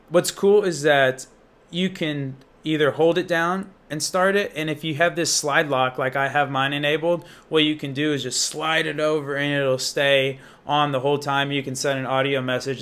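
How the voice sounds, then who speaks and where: Speaking in a fairly high, bright and forceful voice, a young man from Indiana demonstrates and reviews an app. The American walkthrough is casual and unscripted, with plenty of slang and enthusiasm.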